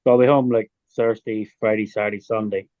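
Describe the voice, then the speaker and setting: A man's voice: on the low side, fairly even intonation, fairly quick, dry recording. A man drops into a video call from his phone, chatting in an easygoing, joking way. His voice comes through muffled and glitchy, squeezed into a thin, phone-like band. There is no room sound around him at all. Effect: muffled, glitching phone audio. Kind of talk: casual chat on a video call.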